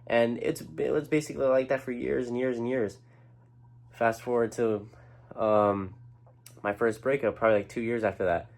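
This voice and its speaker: A man's voice: mid-range voice, fairly even intonation, moderate pace, creaky, a little mellow. A young man talking to camera about his own feelings, earnest and rambling, with restarts and casual swearing. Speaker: vlogger. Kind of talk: personal talk to camera.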